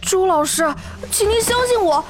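A stammering, panicky young applicant. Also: female voice, extremely high pitch, expressive, normal speed. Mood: pleading. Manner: stammering, pleading, polite. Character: earnest young voice-actor applicant, timid and panicky. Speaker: applicant Zhang Yiming. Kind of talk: audio drama acting.

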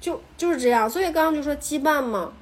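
This woman speaks with a Northeastern Mandarin accent. She is a bookstore owner in casual chat. She tells her stories with animated energy, in a high voice and at a quick pace. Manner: animated storyteller, acts out quotes.

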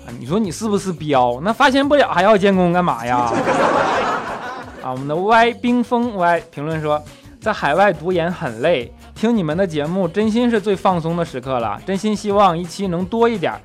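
A man hosts a comedic show, reading listener comments aloud and teasing them with quick comebacks. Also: high voice, big pitch swings, over music.

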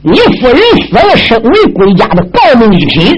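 A man's voice: extremely high pitch, huge pitch swings, normal speed, breathy edge, muffled recording, exaggerated voice. A male storyteller voicing a stern, upright old judge who presses his questions hard. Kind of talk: traditional storytelling, acted dialogue.

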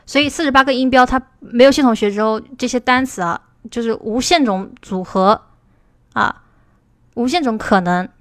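A woman teaching English pronunciation in a livestream. She explains step by step, checks in with her listeners and slows down to model English words. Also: a little high, no room sound, clean studio sound. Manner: explanatory, asks "对吧" to check understanding. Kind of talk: livestream lesson.

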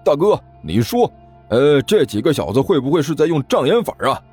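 A man voicing a timid young male thug who stammers and wheedles, the nervous sidekick in a told story, pitched well above his own voice. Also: very animated, fairly quick, a little mellow, slightly rough, soft background music. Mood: eager.

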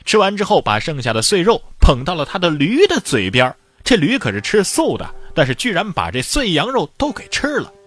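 A man telling an old tale in a lively, colloquial way, with playful asides. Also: on the high side, a little fast, hardly any pauses, no room sound. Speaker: storyteller. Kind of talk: animated oral storytelling.

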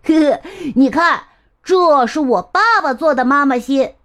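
A woman's voice: high voice, animated, measured pace. A woman voicing a mischievous, grabby little boy in a read-aloud storybook. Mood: cheeky. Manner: bratty, loud. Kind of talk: storybook reading.

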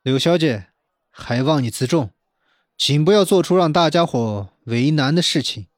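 A man voicing a handsome, cold young man in an audiobook, speaking in a low, measured and stern way. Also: expressive, no room sound, clean studio sound, natural voice. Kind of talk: audiobook character voice.

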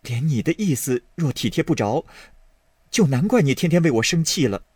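A man's voice: a little high, lively intonation, normal speed, very noisy, voice pushed up, natural voice. A man playing a doting, impulsive young nobleman in an audiobook, speaking eagerly and pleadingly. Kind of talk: audiobook character voice.

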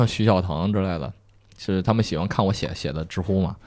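Fast-talking young man telling stories. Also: low voice, dry recording. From China. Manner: soft-spoken, relaxed storytelling with frequent restarts. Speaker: guest, police officer. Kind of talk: casual podcast chat.

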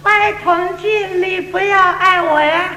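A man voicing a middle-aged woman with a Cantonese accent, speaking in slow, drawn-out words. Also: very high voice, steady tone, bright, forceful tone, voice pushed up, heavily acted. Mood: earnest. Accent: Cantonese-accented Mandarin. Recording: reverberant hall, faint hiss.

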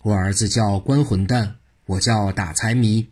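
Male storyteller as teasing mad monk, low and husky, plays the fool. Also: fairly even intonation, a little slow, darkish tone. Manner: teasing, cheeky, playing the fool. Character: eccentric mocking mad old monk.

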